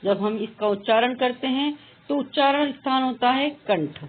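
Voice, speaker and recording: A woman teaching a grammar lesson, speaking slowly and deliberately and drawing out each letter sound. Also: high voice. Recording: tinny phone-like sound.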